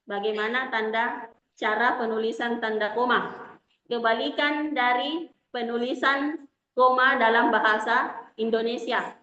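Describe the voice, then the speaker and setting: A woman teaching an Arabic lesson, explaining slowly and repeating key terms. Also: fairly high pitch, fairly even intonation, pushed and bright. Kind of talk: classroom lecture. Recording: echoey room, dull lo-fi sound.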